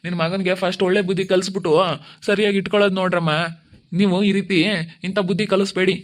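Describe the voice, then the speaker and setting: A man playing an angry middle-aged village father who scolds rapidly, speaking in an amateur family skit. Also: high-pitched, level tone, natural voice. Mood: furious. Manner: scolding, threatening, rapid outbursts.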